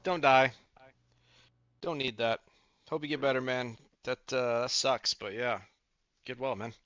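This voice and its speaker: Man, casual gaming chat, laid-back, laughs and swears, middle pitch. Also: a little slow, fairly bright tone, no room sound, highs cut off. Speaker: streamer and race league member.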